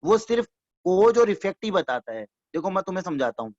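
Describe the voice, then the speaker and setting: A man's voice: high-pitched, big pitch swings, fairly quick. A man teaching an economics lesson who explains by repetition and keeps quizzing his listeners with check-in questions, addressing them fondly as his students. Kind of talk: classroom-style lecture. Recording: dull lo-fi dry recording.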